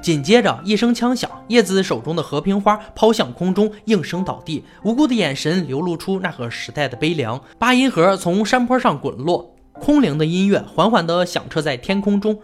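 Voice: mid-range voice, big pitch swings, normal speed, hardly any pauses, soft background music. A narrator retelling a war film in scripted recap narration, reading the characters' dialogue in a dramatic storytelling manner.

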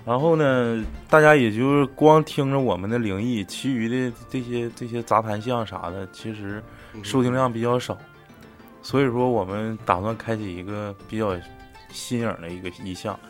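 A man with a Northeastern Chinese accent hosts a casual talk show. His voice sits at a middle pitch. He talks in an earthy, joking, sweary manner, with faint music in the recording. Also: normal speed. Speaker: podcast host. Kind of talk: casual chat with bantering commentary.

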